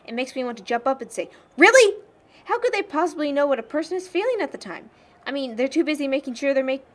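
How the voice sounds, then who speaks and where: A young woman voices a blunt, sardonic teenage girl who goes to church, in an amateur audio drama. Her delivery is frank and slangy, and her voice sits high.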